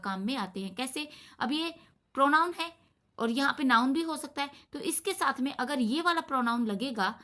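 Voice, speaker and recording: A woman teaching an English grammar lesson, reading example sentences slowly and then explaining them step by step. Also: high-pitched, sharp tone.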